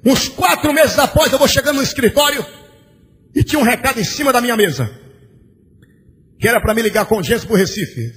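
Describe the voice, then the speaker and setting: A pastor preaching a sermon, shouting bursts and a sing-song cadence as he acts out conversations, in an old church recording. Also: very high voice, animated, brisk, long pauses. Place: large church. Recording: old church recording with long hall reverb and faint hiss.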